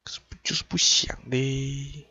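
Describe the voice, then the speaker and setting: A man's voice: mid-range voice, flat delivery, a little slow, pushed and bright, slightly rough, dry recording, lo-fi sound. A man streaming a game live, muttering to himself and cursing as he fiddles with his settings. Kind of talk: live gameplay stream chat.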